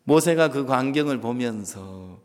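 A male pastor preaching a sermon, moving between loud stressed phrases and soft, quiet asides. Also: medium pitch, expressive, a little slow. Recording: long hall reverb.

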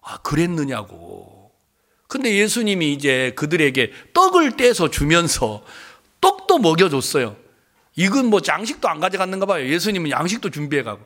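A male pastor delivers a sermon in a strikingly high voice that leaps up and down with lively energy. He retells a scripture story conversationally, adding playful asides to the congregation. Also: a little fast.

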